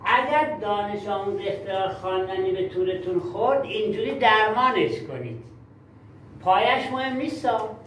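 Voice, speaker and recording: A man's voice: sits high, expressive, fairly bright tone, a little hiss or hum. A man giving a workshop lecture to teachers, talking emphatically and repeating key words. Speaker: teacher trainer. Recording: echoey room, far from mic.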